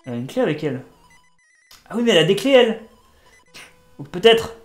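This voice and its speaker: Very animated and brisk, a man with a high voice narrates his gameplay as a YouTuber despite having a cold. His let's-play chatter is casual, full of jokes and remarks to himself and the characters. Soft music plays in an echoey room.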